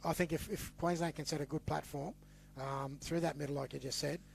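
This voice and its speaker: A man with an Australian accent, hosting a casual sports podcast, talking in a teasing, animated way and repeating words as he gets going. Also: fairly high pitch, fairly quick, vocal fry, a little hiss or hum. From western New South Wales. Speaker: podcast host.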